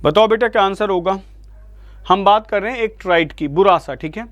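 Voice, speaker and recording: This Indian-accented man has a high, somewhat bright voice and a brisk pace, recorded with no room sound. He runs an online vocabulary class, coaxing students, pressing them repeatedly for answers, and addressing them as "beta" over and over.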